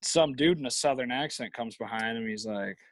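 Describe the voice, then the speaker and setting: A man's voice: medium pitch, moderate pace, fairly bright tone, no room sound, poor audio. A young man, a college baseball player, telling stories as a guest in a casual interview, rambling with frequent restarts. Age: young adult. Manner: rambling, lots of fillers and restarts.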